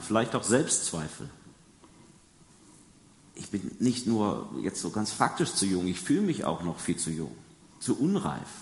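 A man with a fairly low voice preaches a sermon, chatting with his congregation and putting questions to them. He sinks into quiet, soft emphasis on key words. The sound rings through a roomy church with a long, trailing echo. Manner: conversational, addresses congregation with questions. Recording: echoey hall with long reverb.

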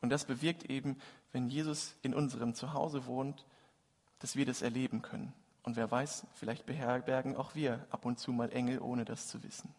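Male preacher, husky voice, long church reverb, earnest gentle storytelling. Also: mid-range voice, steady tone, moderate pace. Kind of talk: sermon with storytelling.

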